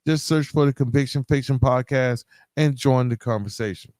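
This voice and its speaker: He's a podcast host working solo, urging listeners on in an earnest, forceful motivational tone and repeating important phrases. The voice is medium-pitched and a bit mellow, at a normal speed, with no room sound.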